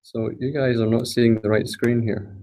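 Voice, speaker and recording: A man from Scotland presents a technical talk to a meetup room and an online audience in a mellow, mid-range voice, delivered flatly at normal speed. He's hesitant, with lots of fillers and a bit of humor aimed at himself.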